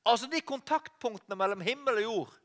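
A Norwegian man preaching a sermon in a high, lively voice that swoops up and down. He talks to the congregation directly, breaks off to fix his own words, and climbs to loud cries at the peaks. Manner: animated preaching, rising to loud cries, with restarts and self-corrections.

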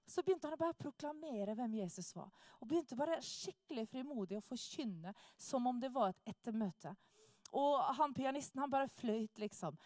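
A woman tells a church testimony in a lively, animated way and acts out the people she quotes. Her voice sits a little high. The sound is dry and close, with no room echo. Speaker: speaker sharing a testimony. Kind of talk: lively personal storytelling.

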